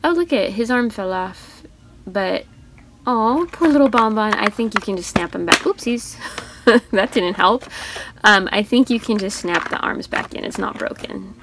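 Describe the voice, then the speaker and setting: A woman's voice: mid-range voice, moderate pace, background noise. Gushing woman touring toy aisles. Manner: chatty, easily delighted, gushing over toys. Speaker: toy vlogger. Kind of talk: casual toy-hunt commentary.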